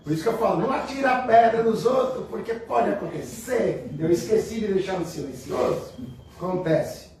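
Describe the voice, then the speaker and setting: A man's voice: sits high, lively intonation, moderate pace, darkish tone, a little hiss or hum. A middle-aged man with a Brazilian Portuguese accent, a bishop giving a homily in a conversational, emphatic style full of rhetorical questions. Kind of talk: sermon. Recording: echoey room heard from a distance.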